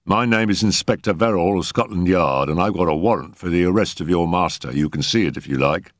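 A man voicing a brisk, commanding male police inspector who gives curt orders. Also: low voice, no echo, clean studio sound, natural voice. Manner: brusque, commanding.

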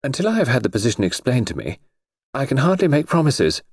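A man's voice: mid-range voice, sing-song, quick pace, breathy edge, dry recording, clean studio sound, pitched above the performer's own voice. A male narrator voicing a plucky, plain-spoken young woman. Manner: plain, spirited. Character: plucky young English woman, poor and game. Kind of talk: audiobook character voice.

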